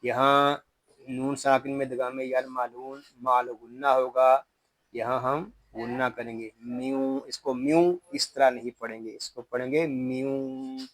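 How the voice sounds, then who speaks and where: A man teaching Quran recitation, spelling each word slowly letter by letter, explaining the tajweed rules, and then reciting the verses melodically. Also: medium pitch, level tone, fairly bright tone, low-quality recording.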